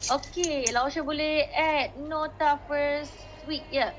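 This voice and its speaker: A woman's voice: sits high, fairly even intonation, slow pace, slight background noise, low-quality recording. A woman with a Malaysian Malay accent teaching a Mandarin class, coaxing students and modeling the tones as she mixes languages.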